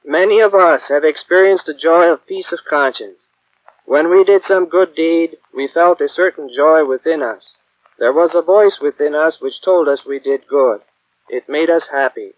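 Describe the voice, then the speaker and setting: A man from Kansas, a priest, preaching a calm, earnest sermon, heard from an old 1950 transcription record. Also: on the high side, dry recording. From Kansas, USA. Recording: dull, dry old disc recording.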